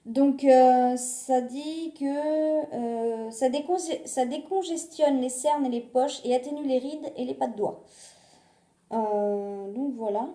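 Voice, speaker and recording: High, dark-toned French-speaking woman vlogger. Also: slow, roomy sound. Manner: chatty, hesitant, many fillers and restarts. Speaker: beauty and shopping vlogger. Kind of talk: casual haul video. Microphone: phone on a glass on a table.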